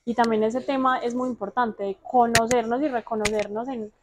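A woman's voice: fairly high pitch, steady tone, moderate pace, noisy background. A woman, hosting a podcast interview, who asks questions and reflectively sums up what her guest says. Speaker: podcast host. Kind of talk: conversational interview.

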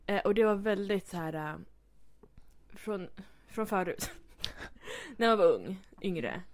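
A woman's voice: mid-range voice, lively intonation. Young woman, casual chat, storytelling, many fillers. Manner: chatty storytelling, acts out quotes, many fillers.

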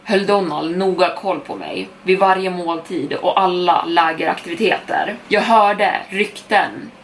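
A young adult woman narrates a first-person horror tale in steady storytelling mode. Her voice sits on the lower side, and she picks up speed through the tense stretches. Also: slight background noise. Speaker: podcast storyteller.

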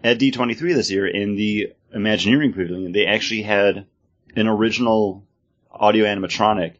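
A man's voice: on the low side, brisk, muffled recording. A man with an American accent, a podcast co-host explaining things in an informal, enthusiastic way. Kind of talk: casual informative chat.

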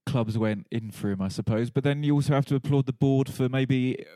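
A man's voice: mid-range voice, a little fast, mellow, no room sound. A man co-hosting a football podcast, talking in a laid-back, analytical way and laughing often. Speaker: podcast co-host. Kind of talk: casual football chat.

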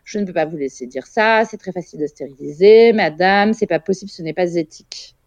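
A woman voicing a stern, indignant female hospital nurse who scolds and lectures in a high voice. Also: a little fast, darkish tone, no echo, muffled recording, close to an everyday voice.

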